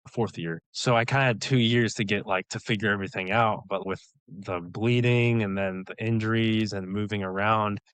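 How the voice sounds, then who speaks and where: A man with a lowish voice recounts his experiences in a relaxed, rambling way, dotting his talk with fillers and quick laughs. The sound is close and dry, with no room around it. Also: clear, resonant tone, no echo. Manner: relaxed storytelling, many "like" fillers, laughs often. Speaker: guest, elite runner. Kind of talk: casual interview chat.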